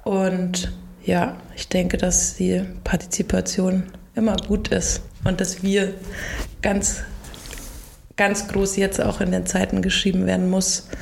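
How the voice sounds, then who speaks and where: A managing director from Ingolstadt in Bavaria, Germany, chats playfully as a guest on a casual podcast interview recorded in an office. Her mid-range, darkish voice moves little in pitch, and she takes her time. The room sounds echoey, with clear background noise.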